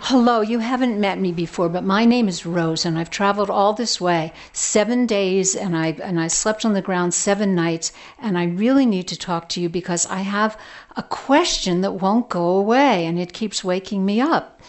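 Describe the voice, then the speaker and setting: A woman storyteller voicing an eager, headstrong young woman traveler who talks loudly and in a rush. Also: low voice, gravelly, slightly rough, exaggerated voice. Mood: pleading. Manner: loud, rushed and insistent.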